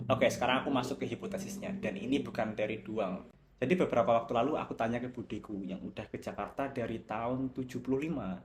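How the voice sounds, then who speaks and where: A man's voice: mid-range voice, quick pace, slight background noise. A young man from Java with a Javanese accent, giving a casual reflective video commentary and slipping between Javanese, Indonesian and English. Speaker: video essayist.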